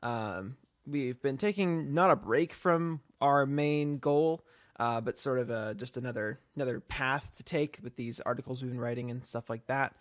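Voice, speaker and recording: A man's voice: mid-range voice, moderate pace, few pauses, dry recording, clean studio sound. Self-mocking young man hosting a podcast. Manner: self-deprecating, rambling with restarts. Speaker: podcast co-host. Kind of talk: casual podcast chat.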